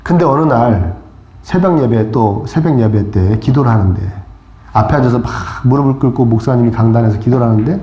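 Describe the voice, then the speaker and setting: A man's voice: medium pitch, brisk, dark tone, lo-fi sound. A male pastor preaching a sermon, telling a story and asking the congregation questions. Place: church. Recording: echoey church hall.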